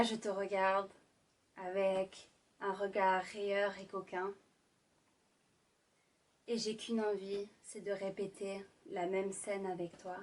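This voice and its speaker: Slow, sultry woman in ASMR role-play. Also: mid-range voice, darkish tone, far from the mic. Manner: sultry, intimate narrator; slow, lingering delivery with deliberate pauses. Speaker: ASMR performer. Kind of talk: ASMR role-play, sensual ASMR addressed to the listener.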